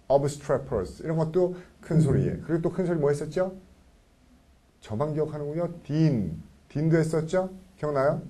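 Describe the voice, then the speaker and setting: A man's voice: a little high, mellow, husky. A man teaching English vocabulary to a class, talking animatedly and checking in with students again and again.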